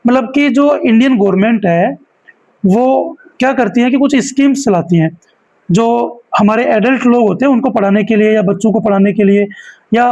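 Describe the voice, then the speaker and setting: A man with a strikingly high voice teaches a school lesson. He works through it step by step and keeps checking that his students are following along. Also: gravelly, darkish tone, poor audio. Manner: explains step by step, often checks in with "okay?".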